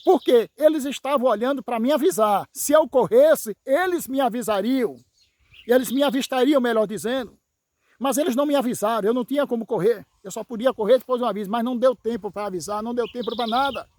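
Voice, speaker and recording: A man giving a dramatic testimony, emphatic, repeating phrases with dramatic pauses. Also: extremely high pitch, a little mellow, no room sound. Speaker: evangelical brother giving a testimony.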